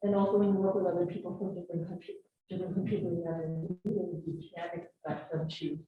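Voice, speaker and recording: A woman's voice: lowish voice, fairly even intonation, fast talker, far from the mic. A woman participant in a workshop adding a thoughtful, somewhat hesitant comment to the discussion. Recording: echoey room, thin phone-like sound, faint noise.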